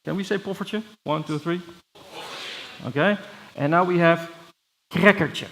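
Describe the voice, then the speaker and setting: A middle-aged Dutch man with a Dutch accent, giving a playful, energetic conference keynote, full of fillers and restarts. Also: fairly high pitch, normal speed, poor audio. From Netherlands. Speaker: keynote speaker. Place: large conference hall with audience.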